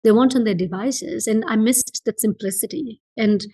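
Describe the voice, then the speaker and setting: A woman from Fiji, interviewed as a guest entrepreneur, has a fairly high, mellow voice with a breathy edge and a moderate pace. She reflects conversationally, earnest and emphatic, repeating phrases for emphasis.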